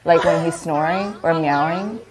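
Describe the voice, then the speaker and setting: A woman casually presenting her company's products, relaxed and laughing often between filler-heavy explanations. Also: low-pitched, moderate pace, a crowd in the background. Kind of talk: casual product demo chat.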